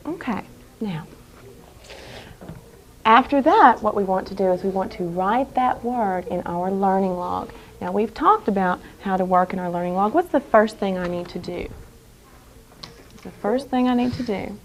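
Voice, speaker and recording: A woman teaching young children in a classroom, speaking in a deliberate, carefully enunciated, instructive way and repeating key phrases. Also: mid-range voice. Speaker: elementary school teacher. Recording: clear background noise in a classroom.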